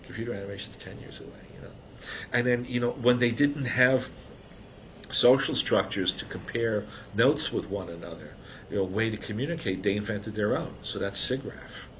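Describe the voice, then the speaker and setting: A man's voice: fairly low pitch, moderate pace. An older man being interviewed about his book, talking casually with many restarts and fillers. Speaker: interviewee, author of a book on computer animation. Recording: dull, slightly noisy recording.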